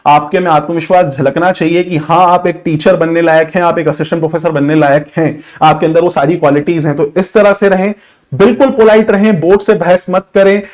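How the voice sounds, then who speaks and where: A man's voice: fairly high pitch, steady tone, brisk, darkish tone. A man teaching exam interview tips in a coaching lesson, speaking instructively, repeating key points and addressing students directly. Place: classroom with a board.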